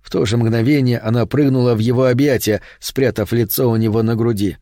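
Male audiobook narrator, dark mellow voice, horror reading. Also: medium pitch, no echo, studio quality. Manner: steady, measured storytelling.

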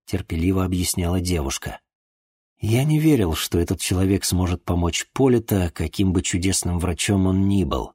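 A man reading a first-person story aloud in an expressive narrating manner. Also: sits low, moderate pace, husky. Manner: expressive, acts out the dialogue. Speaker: audiobook narrator.

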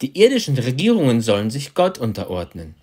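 A man's voice: medium pitch, huge pitch swings, a little fast, a little mellow, husky. A man interpreting a sermon, repeating each of the preacher's phrases right after him.

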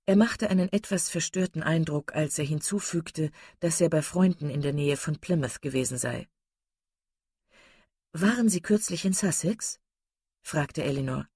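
A woman narrating a classic novel as an audiobook in a steady, even storytelling voice. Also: sits low, normal speed, few pauses, breathy edge, no room sound, studio quality. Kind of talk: scripted literary narration.

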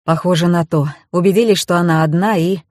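A man's voice: fairly even intonation, darkish tone, dry recording, studio quality, close to an everyday voice. A woman reading an audiobook, voicing a blunt, bossy young man who talks curtly and sternly. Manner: curt and stern, lower and slower.

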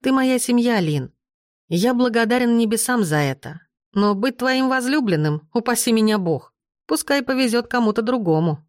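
A woman's voice: fairly high pitch, expressive, normal speed, no room sound, studio quality, voice pushed up, lightly acted. A woman voicing a teasing young male ex-thief in an audiobook, speaking in light, mocking banter.

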